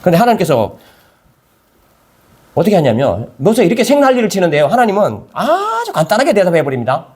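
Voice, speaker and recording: A male pastor delivers a conversational sermon and keeps asking the listeners questions. His voice sits high for a man. His pitch jumps around with lots of movement. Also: brisk. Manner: conversational, animated, asks the congregation questions.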